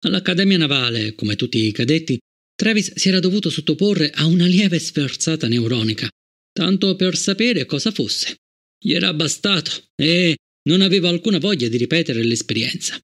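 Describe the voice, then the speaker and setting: A man narrating an audiobook in a measured, even storytelling manner. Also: on the high side. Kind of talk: scripted narration.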